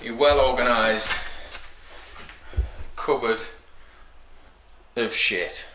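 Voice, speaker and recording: A man's voice: mid-range voice, steady tone, extremely slow, background noise. A man with a moderate Sunderland Mackem accent chatting casually as he vlogs DIY work, blunt, colloquial and sweary. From Sunderland, north-east England. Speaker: camper van vlogger. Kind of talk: casual vlog talk, DIY commentary.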